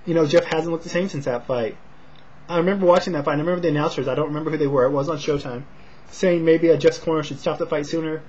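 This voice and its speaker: This Sacramento-based American vlogger, who does amateur boxing commentary, speaks quickly but with a steady tone as he casually previews and predicts an upcoming fight. He comes across as quiet, hesitant and a little breathless. Slight background noise sits under the dull, lo-fi home audio.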